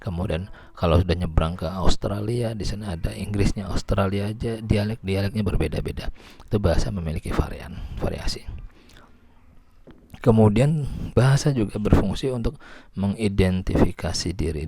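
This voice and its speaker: Deep gravelly man giving a lecture. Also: normal speed, a little mellow, no echo. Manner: explanatory, repeats and restarts words. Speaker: linguistics lecturer. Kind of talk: recorded lecture.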